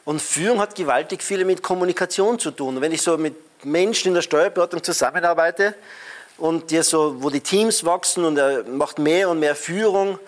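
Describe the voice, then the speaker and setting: High-voiced man giving a talk. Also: moderate pace. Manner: lively, emphatic, talks to the audience with frequent "ja?". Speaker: speaker on leadership. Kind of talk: live talk to an audience.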